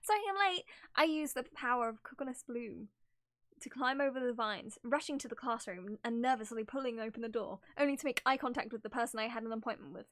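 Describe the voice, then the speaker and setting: A woman on stream performs game narrative text with drama, stopping for laughing, amused asides and offhand reactions. She talks fast at a fairly high pitch, and the recording has no room sound.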